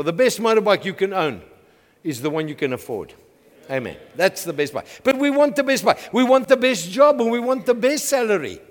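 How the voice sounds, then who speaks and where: A middle-aged man with a South African accent, preaching a lively call-and-response sermon to his church. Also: high voice. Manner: energetic, call-and-response, frequent "Amen". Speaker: pastor. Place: church hall. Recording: long hall reverb.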